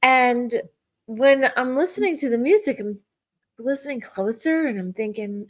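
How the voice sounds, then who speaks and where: Middle-aged woman, podcast guest, animated storyteller who voices her own quotes. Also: on the high side, measured pace. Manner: lively, animated retelling with acted-out quotes. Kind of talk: personal storytelling in casual chat.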